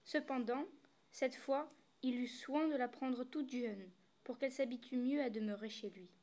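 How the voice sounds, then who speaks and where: A woman's voice: sits high, steady tone, moderate pace, darkish tone. A woman reading a storybook aloud with care.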